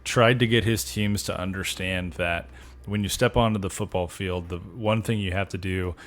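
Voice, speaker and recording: A man with a fairly low voice co-hosts a sports podcast. He talks in casual chat, measured and easygoing, with dry humor. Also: steady tone, fairly bright tone. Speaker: podcast co-host.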